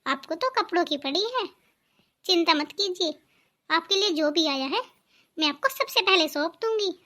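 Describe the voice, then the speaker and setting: A young daughter-in-law from a cartoon family drama, voiced by a woman, with a very high, light voice. She stays polite but holds her ground. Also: expressive, normal speed, pushed and bright, heavily acted. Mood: firm. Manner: polite but firm, answering back.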